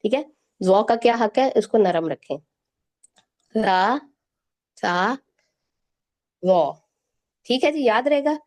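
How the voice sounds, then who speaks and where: A woman with a Pakistani Urdu accent teaching Quran recitation in an online lesson, patiently drilling each letter sound slowly and repeating it. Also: on the high side, animated, a little mellow.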